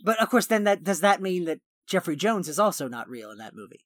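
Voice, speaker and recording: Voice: medium pitch, sing-song, brisk, no room sound. Casual podcast co-host, opinionated, long asides, dry close-mic sound. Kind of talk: casual chat.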